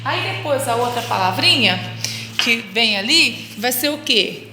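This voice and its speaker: A woman's voice: a little high, expressive, a little slow, sharp tone. A woman teaching children a lesson, stretching out words syllable by syllable and answering her own questions. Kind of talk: recorded remote class for children. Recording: reverberant room, faint background noise.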